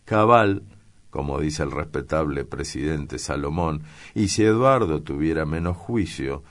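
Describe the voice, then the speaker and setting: Witty young teaser, read by a man, very deep voice, playful bantering lines in a storybook reading. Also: expressive, measured pace. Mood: teasing. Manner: bantering, mischievous.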